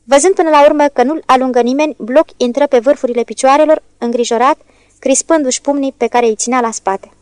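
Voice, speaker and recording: A woman narrates a classic novel for an audiobook, steady and measured. Her voice sits high, and the recording is close and dry. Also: no echo. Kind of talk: scripted narration.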